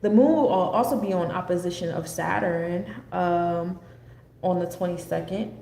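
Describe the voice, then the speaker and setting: A woman's voice: lowish voice, moderate pace, vocal fry, mellow. An American woman presenting an astrology forecast in a casual, unscripted lecture with a rambling, conversational, digressive manner. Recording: echoey room with faint background noise.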